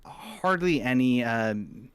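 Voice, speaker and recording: A man co-hosting a movie podcast, chatting casually and rambling like an eager fan, his voice jumping up when excited. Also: takes it slowly, smooth. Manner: chatty, rambling fan with sudden pitch jumps. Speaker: podcast co-host.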